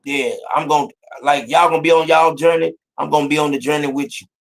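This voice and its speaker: A man's voice: fairly high pitch, steady tone, fast, vocal fry, rough recording. Encouraging man hosting a casual interview. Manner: encouraging, faith-talking, fills with "you know what I'm saying". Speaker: podcast host.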